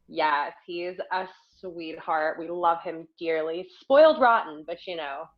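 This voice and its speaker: A woman's voice: sits low, measured pace. A woman chatting as a guest on a video call, hesitant with many ums and some laughs. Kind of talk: casual video-call chat. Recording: dull lo-fi call audio.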